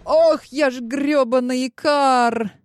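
A woman's voice: fairly high pitch, animated, a little slow, darkish tone, pitched above the performer's own voice. A woman reading an audiobook and voicing a brash, sarcastic secretary in her forties with a cheeky, theatrical manner.

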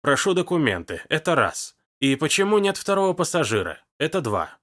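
A man's voice: medium pitch, sing-song, normal speed, a bit bright. A man voicing an irritable agent in charge who talks in a curt, officious tone, in an audiobook.

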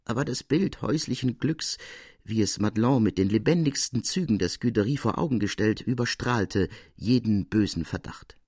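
A man reading a classic literary tale aloud in a measured, expressive storytelling voice. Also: fairly low pitch, breathy edge, no room sound, studio quality. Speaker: reader.

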